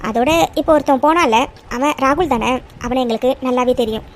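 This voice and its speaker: A woman voicing a bold, protective young woman in a cartoon, talking briskly and insistently. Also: sits high, lightly acted. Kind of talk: cartoon voice acting.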